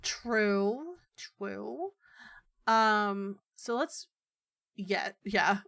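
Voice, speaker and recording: Slow, relaxed woman game master. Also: medium pitch, vocal fry. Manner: relaxed, with many ums and uhs. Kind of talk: running a tabletop game.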